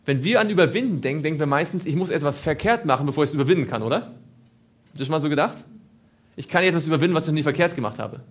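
A man's voice: fairly high pitch, animated, racing. A man preaching a sermon, asking his listeners questions and repeating phrases for emphasis.

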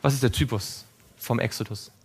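A male preacher giving a sermon who puts questions to his listeners and answers them himself, swinging from loud cries to low, quiet passages. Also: normal speed, vocal fry, slightly rough.

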